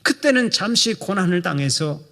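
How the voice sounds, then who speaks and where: A man's voice: high voice, animated, moderate pace, gravelly, sharp tone, big-room sound. A male pastor preaching an emphatic, exhorting sermon in a church sanctuary.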